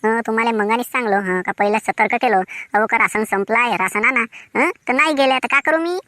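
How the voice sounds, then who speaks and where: In cartoon voice acting, a woman plays a nagging village wife in a Vidarbha Marathi (Varhadi) accent, scolding and complaining. Her voice is a little high, brisk and sharp, recorded dry at studio quality.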